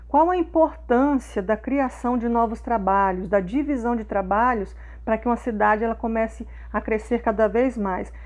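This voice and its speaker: A woman's voice: a little high, a little mellow. A woman teacher patiently walks young pupils through schoolwork, often checking in with short questions.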